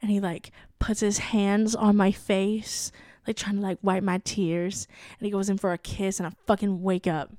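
A young woman co-hosting a comedy podcast, excitedly retelling a strange dream with lots of laughing and swearing. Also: medium pitch, moderate pace, dry recording, studio quality. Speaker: podcast co-host. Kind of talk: casual chat, storytelling.

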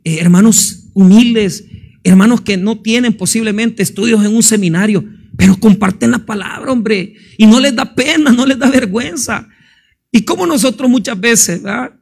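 A male pastor giving a fervent sermon, firing questions at the congregation and swinging between booming and hushed delivery. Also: normal speed, creaky. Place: church.

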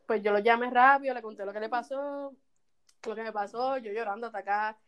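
A woman with a Puerto Rican accent telling a story in casual chat, animated and often laughing as she talks. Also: on the high side, brisk, smooth, highs cut off.

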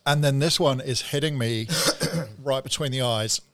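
A man's voice: medium pitch, unhurried, noisy background. A man hosting a casual podcast, joking and laughing often. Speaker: podcast host.

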